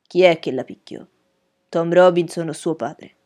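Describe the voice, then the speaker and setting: A woman's voice: on the low side, unhurried, a little mellow, close to an everyday voice. A woman voicing a patient middle-aged male lawyer who questions a witness firmly and pointedly. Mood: probing.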